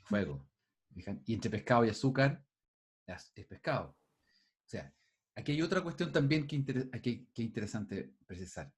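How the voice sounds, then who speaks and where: Man lecturing over a video call. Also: mid-range voice. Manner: thinks aloud with many restarts, quizzes students. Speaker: teacher. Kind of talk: online class lecture.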